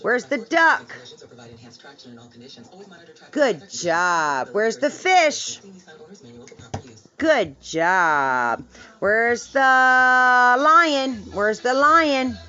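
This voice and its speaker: A woman playing a slow, repetitive quiz with a toddler, prompting in a sing-song way and praising each answer, on a dull lo-fi home recording. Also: fairly high pitch, big pitch swings, bright, forceful tone.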